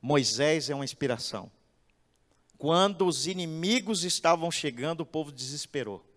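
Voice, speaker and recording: A pastor gives an animated, sermon-style talk and keeps checking that he is understood. His voice sits a little high for a man. A long church reverb follows his words. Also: normal speed. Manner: animated, acts out quotes, asks "entende?". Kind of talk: expressive sermon-style lecture. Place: church hall. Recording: echoey church hall.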